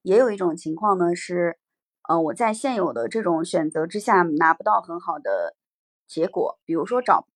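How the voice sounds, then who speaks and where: A woman's voice: on the low side, no room sound, clean studio sound. A woman hosting a casual livestream discussion, reflective, reading out viewer comments and musing on them. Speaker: podcast host.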